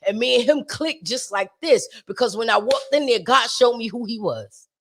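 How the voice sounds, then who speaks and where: A woman with a naturally raspy, high-pitched voice talks to her livestream viewers in a fervent, sermon-like way. She speaks straight to them, driving each point home by repeating it. Her rough tone stays in every line. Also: lively intonation, moderate pace, a bit bright. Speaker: singer sharing a testimony with viewers. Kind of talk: preachy motivational livestream talk.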